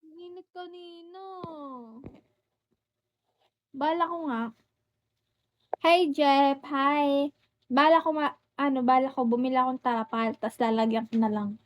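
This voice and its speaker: A woman's voice: high voice, normal speed, pauses often, slight background noise. Chatty young Filipino woman streaming live. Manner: chatty, greets viewers by name. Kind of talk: casual live-stream chat.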